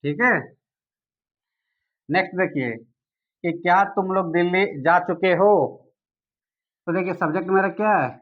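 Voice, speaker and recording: A man teaching an English grammar lesson, asking the viewer questions and saying English examples slowly. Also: sits high, narrow, tinny audio.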